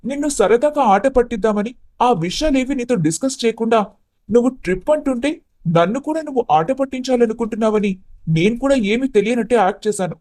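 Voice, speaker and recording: A man voicing an upset, confused young groom in an animated story who presses with emphatic, pleading questions. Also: very high voice, a little fast, no echo, clean studio sound.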